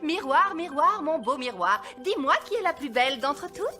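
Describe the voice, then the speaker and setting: A woman's voice: high-pitched, animated, normal speed, bright, forceful tone, faint music behind. A woman voicing a vain, dramatic fairy queen and mother in a cartoon. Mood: vain, pleased. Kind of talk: cartoon voice acting.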